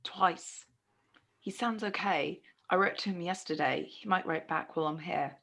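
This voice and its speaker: A man voicing a soft-spoken teenage boy wizard in a quiet, hushed way. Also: sits high, normal speed, gravelly, voice pushed up, exaggerated voice.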